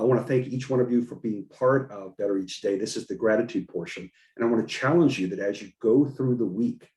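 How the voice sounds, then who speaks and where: A man's voice: mid-range voice, mellow, echoey room. A man hosting a group video call, encouraging and upbeat, coaching his listeners and often repeating his words. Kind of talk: motivational coaching talk.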